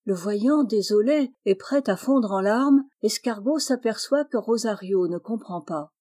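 A woman reading a children's story aloud, gentle and lilting, lifting her voice for the animal characters. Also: mid-range voice, measured pace. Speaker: audiobook reader.

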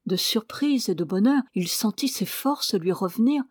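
Woman storyteller, measured read-aloud delivery, mid pitch, dry recording. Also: expressive, no echo. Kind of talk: reading a fairy tale aloud.

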